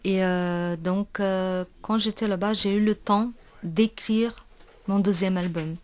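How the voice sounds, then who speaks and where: A woman from Brazil with a Brazilian accent, a singer guesting in a radio studio, talking with laughter and halting French. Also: medium pitch, fairly even intonation. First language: Portuguese. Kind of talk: casual interview chat.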